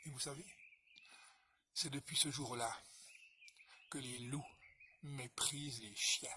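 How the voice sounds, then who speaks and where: A man telling a folk tale as a storyteller, speaking expressively and swinging from hushed passages to loud ones. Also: medium pitch, fairly even intonation, slow, slight background noise.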